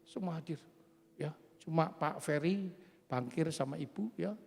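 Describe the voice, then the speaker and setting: A man in his seventies preaches a sermon and gives testimony, emphatically calling out to the congregation again and again. His voice sits on the high side and is a little slow, gravelly and darkish with a breathy edge. The recording comes from an echoey church hall with faint music behind him.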